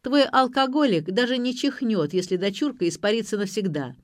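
A woman voicing a bossy, crude male thug who drives the car, talking loud and mocking in slang. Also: medium pitch, fairly quick, no room sound, clean studio sound, pitched above the performer's own voice, close to an everyday voice. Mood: contemptuous.

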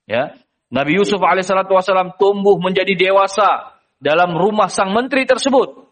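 A man teaching a religious lesson as a story, animated, asking rhetorical questions and filling with "ya". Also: high-pitched, brisk, big-room sound.

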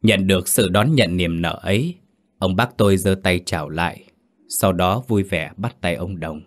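Low voiced guy reading a ghost story, somber and steady. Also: normal speed. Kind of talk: scripted ghost story narration.

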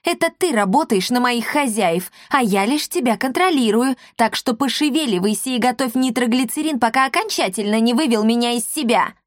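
A woman playing a shrill spiteful young witch. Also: expressive, brisk, hardly any pauses, no echo, clean studio sound, natural voice. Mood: scornful. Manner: mocking, shrill cries. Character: spiteful young female witch, boastful and sharp.

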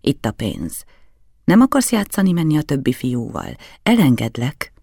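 Anxious kindly old professor, pleading, gravelly voice read by a man, dry close sound. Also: medium pitch, wildly swooping pitch, mellow, dry recording, exaggerated voice. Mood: caring. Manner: agitated, self-reproaching, pleading. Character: anxious, kindly older male scholar. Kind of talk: audiobook character reading.

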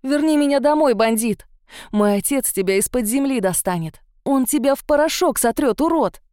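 A woman voicing a proud young female captive who shouts insults at her kidnapper. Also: mid-range voice, normal speed, no room sound, clean studio sound, lightly acted. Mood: furious.

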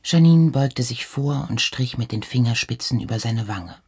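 A man narrating a novel in a calm, measured reading voice for radio. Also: mid-range voice, husky. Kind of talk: literary audiobook narration.

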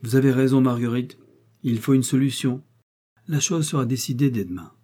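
Brief: greedy young schemer, self-assured, dark husky voice, male reader. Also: medium pitch, steady tone, normal speed, lightly acted. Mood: resolute. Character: greedy, calculating young man.

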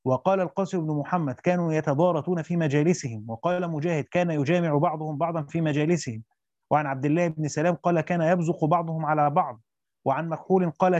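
A man with a slightly high but dark, mellow voice reads classical text at a brisk clip, breaking off into loose colloquial explanations. The sound is dry and somewhat dull, with no room around it. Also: no echo. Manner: reads quickly in classical Arabic, then breaks into colloquial asides with restarts. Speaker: teacher reading through a Quran commentary. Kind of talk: reading a classical text aloud with spoken asides.

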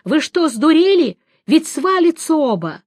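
A woman doing a frantic shouting troubadour. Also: sits high, big pitch swings, measured pace, no echo, clean studio sound, voice pushed up. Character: excitable male troubadour shouting from above.

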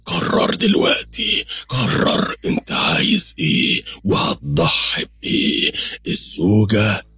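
A man with an Egyptian accent voicing a sly, cruel male devil who speaks slowly and gloatingly. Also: deep voice, sing-song, bright, forceful tone, husky, no room sound, pitched above the performer's own voice, full character voice. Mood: taunting. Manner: slow, menacing, gloating.

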